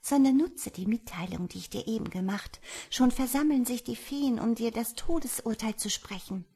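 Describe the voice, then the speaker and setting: A tiny, clever fly, voiced by a woman reading a storybook, speaking in a soft, half-whispered, singsong voice. Her voice sits higher than the narrator's and has a breathy edge. It sounds gentle and knowing. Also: normal speed. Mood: calm.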